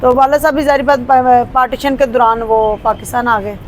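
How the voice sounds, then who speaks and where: A Pakistani woman with a Punjabi accent, answering interview questions casually, with hesitant pauses and restarts. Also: a little high, steady tone, a little mellow, a little hiss or hum. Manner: hesitant, with frequent fillers and restarts. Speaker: interview guest.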